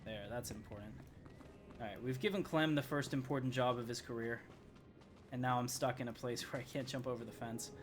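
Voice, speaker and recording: Talking a little fast in a steady, medium-pitched voice, a livestream gamer host gives casual gameplay commentary. He chats to viewers and rambles through his thoughts while game music and other noise play behind him.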